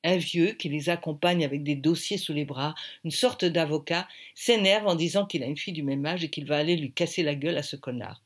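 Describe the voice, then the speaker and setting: A woman narrating an audiobook in a lively, wry way. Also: sits low, a little fast, few pauses.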